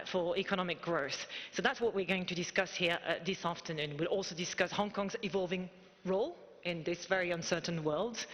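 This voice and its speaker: Woman moderator, bright and forceful, formal and polished, big echoing hall. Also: lowish voice. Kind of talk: formal interview hosting. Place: forum stage in a large hall. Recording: stage audio in a large hall.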